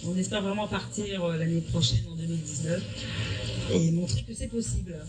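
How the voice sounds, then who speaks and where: Speaking fairly low and a little fast with fairly even intonation, a middle-aged history-geography teacher from Africa earnestly explains her answers in an interview, often starting sentences over. The setting is an evening school event, recorded from a distance amid room noise.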